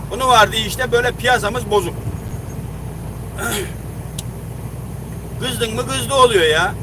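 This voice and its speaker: A man in his thirties, a long-haul truck driver, telling an angry story in a casual vlog, heated and indignant, acting out both sides of a quarrel. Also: very high voice. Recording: noisy roadside traffic. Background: vehicles and outdoor traffic.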